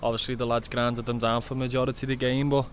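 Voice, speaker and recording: A man in his twenties, a footballer, gives short, plain answers in a flat tone. He speaks into a handheld mic outdoors, with faint traffic ambience behind. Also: mid-range voice, fast talker. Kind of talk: post-match interview. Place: outdoors by a training pitch.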